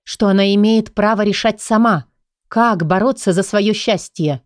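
A woman voicing a gentle, clever middle-aged mother in an audiobook, speaking softly in a slightly raised voice. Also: mid-range voice, moderate pace, no room sound, clean studio sound, natural voice. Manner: soft, lightly raised voice. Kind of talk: audiobook character voice.

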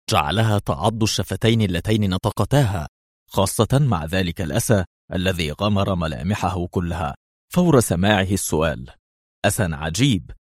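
Low-voiced man narrating a spy story. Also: darkish tone, dry recording, clean studio sound. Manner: measured, dramatic reading. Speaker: audiobook narrator.

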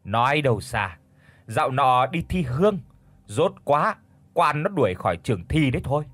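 A man's voice: mid-range voice, sing-song, moderate pace, a bit bright, no echo. A man voicing a stingy, grumbling old village landowner who talks bluntly and scornfully in an audio story.

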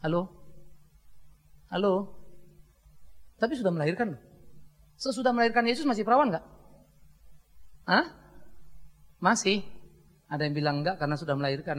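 A middle-aged man preaching a sermon as pastor, blunt and joking, swinging between soft asides and loud scolding. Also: on the high side.

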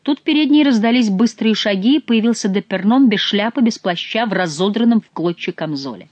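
A woman narrating an audiobook with expressive storytelling. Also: medium pitch, a little fast, dry recording, highs cut off. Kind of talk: scripted narration.

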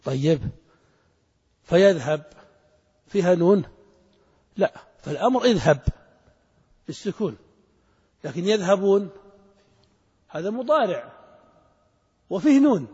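A man's voice: sits high, sing-song, measured pace, long pauses, darkish tone, husky. A man teaching Arabic grammar to a class, asking students questions and repeating their answers. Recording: muffled recording in a reverberant hall.

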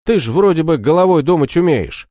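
A man's voice: a little high, animated, a little fast, mellow, no room sound, clean studio sound, pitched above the performer's own voice, natural voice. A man voicing a sly, mocking male captive healer who taunts his captors in an audiobook story. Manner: taunting, scornful.

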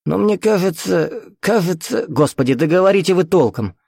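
A man's voice: high voice, expressive, normal speed, gravelly, darkish tone, slightly rough, no echo, pitched above the performer's own voice, exaggerated voice. A jittery old teacher who stammers over his words, hard of hearing and anxious, performed by a male reader. The voice rides far above the reader's own, thin and strained. The sound is dry and close. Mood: flustered. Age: older. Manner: agitated, stammering, babbling.

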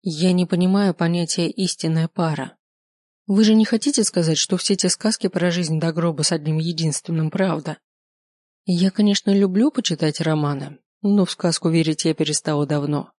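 Audiobook reader, even first-person narration, dry mic. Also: medium pitch, normal speed, dry recording.

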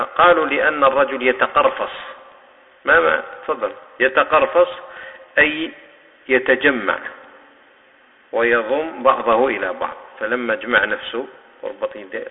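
Algerian male mosque teacher, patient explainer; thin phone-like audio, long hall echo. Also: mid-range voice. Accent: Algerian Arabic. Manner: patient, explaining terms and coaching students to demonstrate. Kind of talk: hadith commentary lesson. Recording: tinny lo-fi recording with long mosque reverb.

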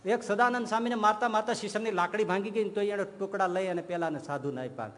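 A male preacher tells stories in a sermon and acts out each quoted saint. His voice sits a little high for a man. A long hall reverb trails every phrase. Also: quick pace. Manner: animated storyteller who acts out quoted saints. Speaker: swami giving a religious discourse. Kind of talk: storytelling sermon.

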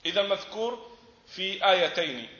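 A man's voice: high-pitched, lively intonation, fairly quick, sharp tone. A man teaching a religious lesson on inheritance law, patiently repeating words and reciting verses. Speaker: Islamic teacher. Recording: echoey hall, dull lo-fi sound.

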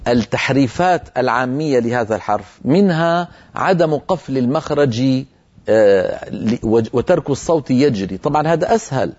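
Syrian man teaching Quran recitation, mellow voice. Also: medium pitch, animated. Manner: demonstrates letter sounds slowly and syllable by syllable. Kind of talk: televised Quran recitation lesson. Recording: muffled broadcast audio.

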